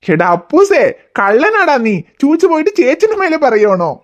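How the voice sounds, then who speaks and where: Cartoon dad, lively and reassuring, mock-scolding, voiced by a woman, dull lo-fi sound. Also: sits high, moderate pace. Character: cartoon father, gentle and scolding. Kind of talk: cartoon voice acting.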